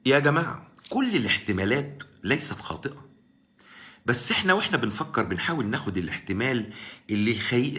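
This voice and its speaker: A man's voice: fairly low pitch, a bit bright. A man with an Egyptian accent hosting a live stream, giving casual political commentary in an argumentative way and answering viewers by name. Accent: Egyptian Arabic. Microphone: live-stream mic.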